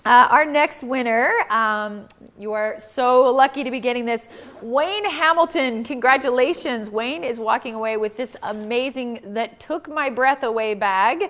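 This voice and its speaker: A woman's voice: on the high side, unhurried, a bit bright. A woman in her forties hosting a photography stream, talking in a chatty, gushing way with many restarts. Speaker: host. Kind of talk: live-streamed giveaway talk.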